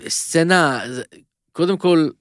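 A man co-hosting a casual TV-recap podcast, talking in animated, rambling bursts with many restarts. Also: on the high side, no room sound, clean studio sound. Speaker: podcast co-host.

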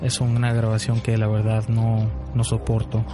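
A man narrating a true story in a grave, measured scripted delivery. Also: fairly low pitch, monotone. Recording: music bed behind voice.

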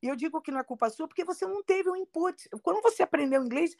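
A woman English teacher explaining her approach in an emphatic, lively conversational way. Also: very high voice, rapid-fire, vocal fry. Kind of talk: conversational interview.

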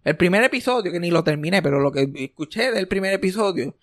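High-voiced sarcastic man. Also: fast, dry recording, clean studio sound. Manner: sarcastic, animated storytelling with English words mixed in. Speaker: podcast co-host. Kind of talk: casual chat.

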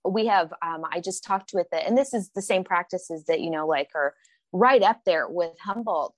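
A woman from Oklahoma, a guest on a casual podcast chat, telling stories with lively acted-out quotes. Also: lowish voice, normal speed, no room sound. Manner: animated storyteller, acts out quotes.

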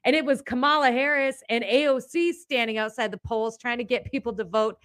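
A woman with a somewhat high voice talks politics casually, sarcastic and animated, swearing freely and mocking the people she quotes. The sound is dry and close, with almost no room in it. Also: fairly quick, no room sound. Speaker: podcast co-host.

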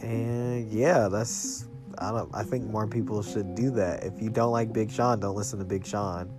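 A man's voice: on the low side, steady tone, a little slow. A young man chatting casually as a solo podcast host, in loose, slangy bro talk. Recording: music playing behind the voice.

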